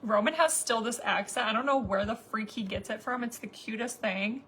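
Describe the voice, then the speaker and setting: Thirties woman vlogger, casual filler-heavy chat, pitched a bit high. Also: moderate pace, a bit bright, slight background noise. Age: 30s. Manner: chatty, rambling, many fillers. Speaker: makeup vlogger. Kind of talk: casual chat to viewers while doing makeup.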